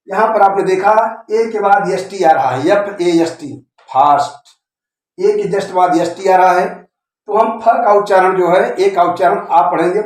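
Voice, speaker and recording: A man's voice: high-pitched, a little mellow. A man teaching English pronunciation rules in a video lecture, repeating points and often checking that viewers follow. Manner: repetitive, checks understanding often. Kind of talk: classroom-style video lecture. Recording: very echoey room.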